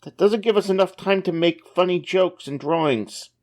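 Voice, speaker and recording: A man's voice: sits high, moderate pace. A man co-hosting a podcast, joking and musing in casual chat. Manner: jokey, rambling musings. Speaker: podcast co-host and contestant.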